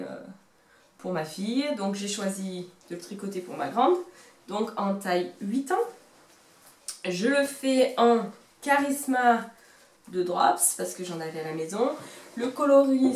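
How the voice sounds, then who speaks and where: A chatty woman in her thirties speaks with a Marseille accent, wandering through her thoughts with hesitant pauses and wry jokes at her own expense. Her voice sits at an ordinary pitch for a woman. The room around her adds a noticeable echo. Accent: Marseille French. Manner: rambling, self-mocking, hesitant. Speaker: knitting vlogger. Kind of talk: casual show-and-tell chat. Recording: roomy echo.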